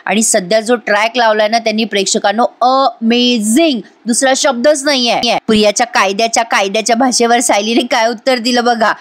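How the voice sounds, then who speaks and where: Woman, serial recap voice-over, chatty, talks to viewers, slightly higher pitch. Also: steady tone, fast, hardly any pauses. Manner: chatty, addresses viewers directly. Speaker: TV serial reviewer.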